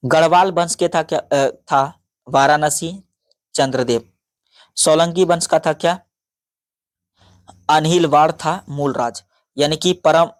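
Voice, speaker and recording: A man's voice: fairly high pitch, no room sound, studio quality. A man teaching an exam-prep lecture, reading question-and-answer notes and often stumbling over names and correcting himself. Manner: halting, stumbles over names and restarts, frequent sorry.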